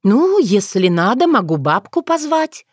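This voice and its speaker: A woman voicing a calm young witch who speaks in a dry, sarcastic way. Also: mid-range voice, measured pace, dry recording. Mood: wry. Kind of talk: audiobook character voice.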